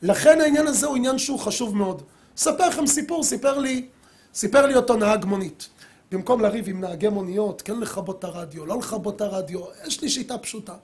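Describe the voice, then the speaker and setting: A middle-aged man, a rabbi, giving a sermon and telling a story, acting out the quoted dialogue with lively voices. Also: high voice. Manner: animated storyteller who acts out quoted dialogue.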